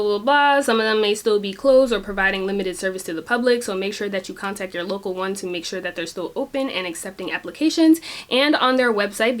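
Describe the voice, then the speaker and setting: A young woman vlogger talking through a step-by-step explainer in a chatty way, correcting herself and adding jokey asides. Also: a little high. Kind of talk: casual explainer vlog.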